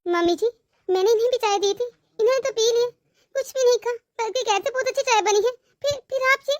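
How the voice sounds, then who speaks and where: A woman's voice: extremely high pitch, fast talker, no room sound, clean studio sound. A woman voicing a timid, pleading young wife. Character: meek, put-upon young daughter-in-law. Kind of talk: cartoon story voice acting.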